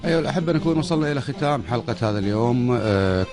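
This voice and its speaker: A man's voice: mid-range voice, animated, very fast, over music. A man with a Kuwaiti Gulf Arabic accent casually presenting a radio talk show.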